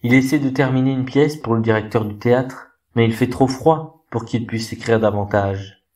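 Prince de conte, grave et compatissant, un homme lui prêtant sa voix sur un rythme lent et solennel. Ses ordres restent doux mais fermes. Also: male voice, medium pitch, warm tone, recorded from a distance, lightly acted. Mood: solemn. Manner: slow, solemn, commanding. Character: noble, compassionate golden prince statue, male.

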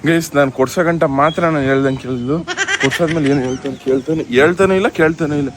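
A man's voice: a little high, very fast, crowd noise. A young man talking casually and teasingly in a family vlog, speaking straight to his viewers. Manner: teasing, playful, addresses viewers directly. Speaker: vlogger.

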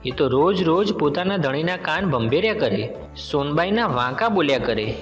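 A man narrates a folk tale in a steady, plain storytelling manner, his voice set fairly high. A long hall reverb trails his words and soft music plays underneath. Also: normal speed.

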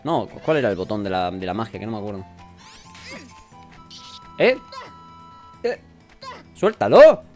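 A man's voice: on the low side, big pitch swings, moderate pace, pauses often. A young man with a Spanish accent from Spain, casually commentating as he plays a video game, swearing often and reading game lines aloud in jokey voices. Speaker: let's play gamer. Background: faint game music.

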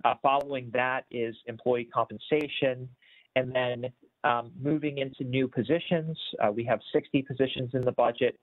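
A man's voice: medium pitch, steady tone, no echo. Man presenting on a tinny video call. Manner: measured, frequent filler words and restarts. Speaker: county budget official presenting at a town hall.

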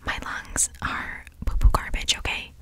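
Young woman whispering casual ASMR. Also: measured pace. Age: young adult. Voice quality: breathy whisper. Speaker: ASMR creator. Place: small indoor bedroom. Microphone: large desktop condenser microphone, very close.

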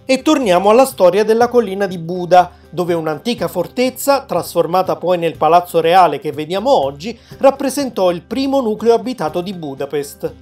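A woman narrating a travel vlog in a calm, informative tour-guide manner. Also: fairly low pitch, normal speed, few pauses, faint music behind. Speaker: travel vlogger.

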